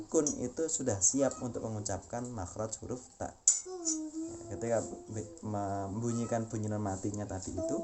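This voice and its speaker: A man teaching a Quran recitation lesson, explaining patiently and chanting examples several times. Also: on the low side. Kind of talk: tajwid lesson.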